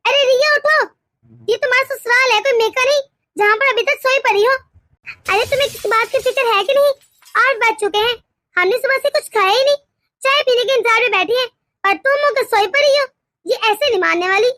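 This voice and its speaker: A shrill, scolding cartoon mother-in-law, voiced by a woman, quick to take offence and pity herself. Her voice sits very high, and the sound is close and dry with no room around it. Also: pushed and bright, dry recording. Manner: shrill complaining taunts. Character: scolding middle-aged mother-in-law, short-tempered and self-pitying. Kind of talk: animated cartoon dialogue.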